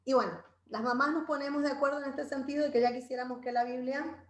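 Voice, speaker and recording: Talking fast in a high voice with fairly even intonation, a woman gives an informal parenting talk based on the Bible. She keeps checking in with listeners by adding "¿verdad?" and voices children's lines in quotes. The sound is roomy.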